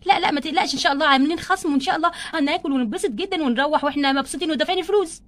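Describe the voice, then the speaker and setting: A carefree, demanding wife doll from a doll play, voiced by a woman, with an Egyptian accent. She coaxes and waves off worries breezily. She speaks in a very high, rapid voice. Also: lightly acted. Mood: breezy. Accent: Egyptian Arabic.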